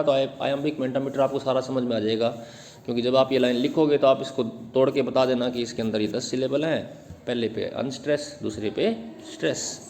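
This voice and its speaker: A male teacher lecturing in Hindi on English poetry, asking questions and answering them himself, and reading English lines slowly word by word. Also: mid-range voice, a little mellow, in a large hall.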